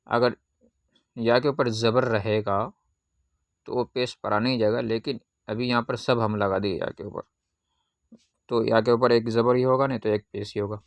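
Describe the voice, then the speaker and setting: A man patiently leads a Qaida reading lesson, posing questions and answering them himself while drawing out each syllable as he recites. His pitch is medium, his intonation fairly even, and there's no room sound.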